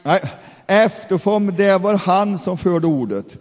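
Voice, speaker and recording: A man leading an informal Bible study in Swedish, reading passages aloud and explaining them in plain words with many halting restarts. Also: high-pitched, lively intonation, darkish tone, big-room sound.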